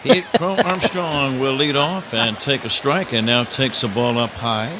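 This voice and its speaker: A man calls live baseball play-by-play on the radio from a ballpark booth, speaking at an unhurried pace in a medium-pitched voice. Crowd and stadium noise fill the background.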